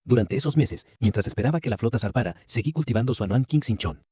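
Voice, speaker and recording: A man narrates a story recap at a rapid clip in a low, husky voice. The recording is dry and close, with no room sound, and his read stays brisk and even from line to line. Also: dry recording.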